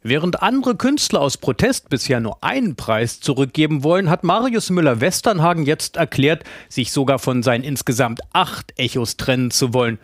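A man's voice: fairly high pitch, animated, normal speed, hardly any pauses, no echo, studio quality. A man reading a radio news report in a matter-of-fact way.

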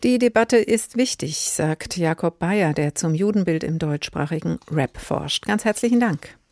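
Radiomoderatorin mit eher tiefer Stimme. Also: female voice, on the low side, animated, measured pace, darkish tone, no room sound, clean studio sound. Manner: conversational, searching for words in questions. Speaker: radio presenter. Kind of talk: radio culture magazine moderation.

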